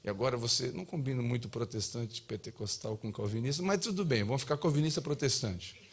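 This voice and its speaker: A man's voice: medium pitch, fast talker, husky. A man preaching a sermon as pastor, emphatic and humorous. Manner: humorous, acts out dialogues. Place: church.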